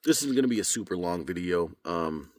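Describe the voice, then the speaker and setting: A man's voice: low-pitched, lively intonation, fairly quick, darkish tone. A man who works as a voice actor, chatting casually from his home booth, rambling with many fillers and restarts. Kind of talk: casual vlog talk.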